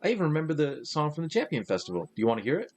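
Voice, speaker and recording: A man's voice: fairly high pitch, very animated, very fast, a little mellow, voice pushed up. A man reading out the lines of a chirpy young Zora girl from a game, in a sing-song, gushing way. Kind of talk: reading game dialogue aloud.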